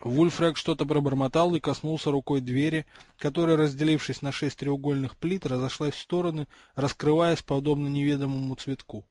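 A man reading a fantasy audiobook aloud, with steady, expressive storytelling. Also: a little high, fairly quick, no room sound. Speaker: audiobook reader. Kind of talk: audiobook narration.

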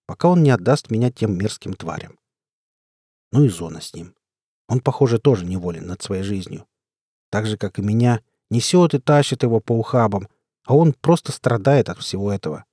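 A man narrates an audiobook in the first person, keeping a steady storytelling pace. His voice is dark and mellow with a husky edge, and the recording is dry and close. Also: fairly low pitch, dry recording. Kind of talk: scripted narration.

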